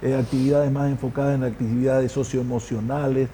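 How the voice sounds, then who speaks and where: Halting, mellow-voiced male talk host. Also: mid-range voice, level tone, a little hiss or hum. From grew up partly in Argentina and Ecuador. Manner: halting, many fillers and restarts. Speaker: radio talk show host. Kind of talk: casual studio conversation.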